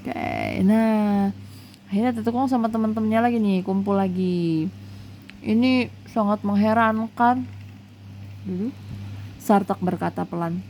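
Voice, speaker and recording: A woman's voice: mid-range voice, flat delivery, moderate pace, dark tone, a little hiss or hum. A woman reading a storybook aloud to her child, with chatty, playful asides in between.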